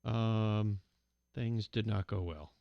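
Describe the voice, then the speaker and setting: A man's voice: on the low side, slow, vocal fry, no echo, dull audio. A man co-hosting a live coding show, casually thinking aloud as he types and walks through his code. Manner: thinks aloud while typing code, easygoing.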